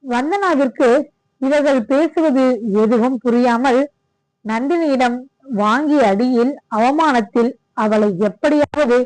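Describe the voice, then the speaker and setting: A woman storyteller reading a family drama in a steady, plain way. Her voice sits a little high. The recording is dry and close. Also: dry recording, rough recording.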